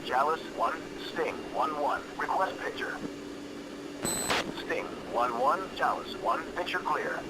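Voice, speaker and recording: A man's voice: a little high, slow, long pauses. A man voicing curt military radio calls in a game, heard as a transmission through an oxygen mask, with clipped, formal procedure. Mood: terse. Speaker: air controller and pilot radio calls. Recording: noisy, distant radio chatter.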